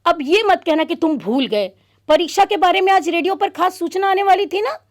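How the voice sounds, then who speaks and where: A woman voicing a greedy, nosy young boy, loud and insistent. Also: extremely high pitch, animated, fairly quick, pitched above the performer's own voice. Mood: pushy.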